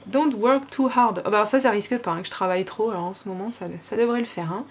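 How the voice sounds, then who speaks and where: A woman's voice: medium pitch, racing. French woman vlogger, gushing unboxing chat, lots of fillers, faint hiss behind. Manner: gushing, chatty, many fillers.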